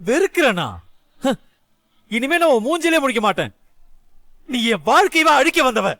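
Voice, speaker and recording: A man's voice: very high-pitched, very animated, normal speed, pushed and bright, dry recording, heavily acted. A man voicing a furious accusing husband. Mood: angry. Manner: harsh, accusing. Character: angry young husband accusing his wife. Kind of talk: Tamil serial dub acting.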